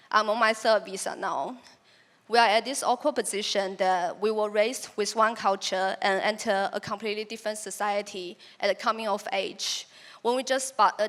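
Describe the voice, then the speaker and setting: A young woman from China, a native Chinese speaker, gives a prepared talk about her photography, earnest and reflective, with occasional restarts. Her voice is medium-pitched with a fairly bright tone.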